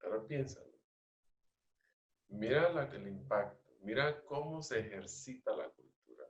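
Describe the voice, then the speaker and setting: Man, trainer, coaching, slow, roomy, dull sound. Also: medium pitch, expressive. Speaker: agile trainer. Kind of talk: interactive training session.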